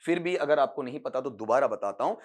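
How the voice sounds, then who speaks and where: A man teaching English phonetics for an exam. He explains step by step, addresses students fondly, and stretches words out slowly to show their sounds. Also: medium pitch, lively intonation. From India. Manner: patient, explains step by step, calls students "beta". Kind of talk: exam-prep lecture.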